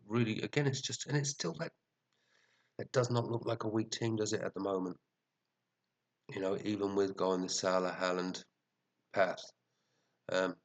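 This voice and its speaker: Low-pitched sniffly man, chatting casually. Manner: chatty, muttering to himself, mildly sweary. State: sniffly, congested with a head cold. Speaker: fantasy football show host. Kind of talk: casual rambling commentary reviewing team scores.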